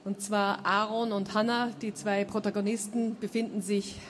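A woman author giving a calm, measured reading from her own novel at a book fair event. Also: medium pitch, a little hiss or hum.

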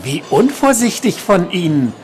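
A man voicing a soft-spoken, obsessive male psychiatric patient, quiet and insistent, while reading from his novel. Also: high-pitched, sing-song, unhurried, a little hiss or hum, voice pushed up.

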